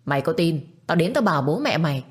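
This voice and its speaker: A woman's voice: on the low side, animated, moderate pace. A woman voicing a spiteful middle-aged stepmother who screeches insults and taunts. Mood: scolding.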